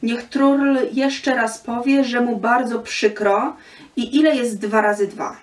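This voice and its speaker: A stubborn, mocking machine that booms out commands, played by a woman reading a storybook aloud. The voice sits a touch high and carries the reverb of an echoey room, heard from a distance. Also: slow pace. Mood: domineering. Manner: domineering, mocking. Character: menacing booming thinking machine, female, stubborn.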